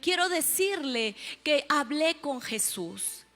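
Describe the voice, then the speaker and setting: An eager, polite little boy who talks to Jesus, as a woman preacher puts him on. The voice is high and bright, told within a sermon story. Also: animated, slow pace, faint music behind, heavily acted. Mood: earnest.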